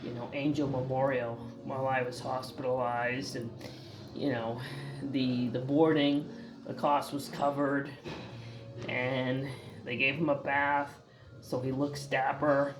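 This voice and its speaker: A woman's voice: extremely low pitch, level tone, slow pace, music in the background. A woman from the northeastern US talking casually to her camera in a chatty, rambling way, full of fillers and restarts. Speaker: vlogger.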